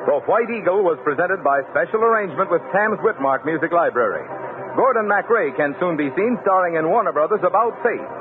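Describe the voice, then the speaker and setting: A man reading formal radio announcements in a measured announcer style, heard from an old transcribed broadcast disc. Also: high-pitched, expressive, narrow, tinny audio, background noise. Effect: old transcribed broadcast disc sound.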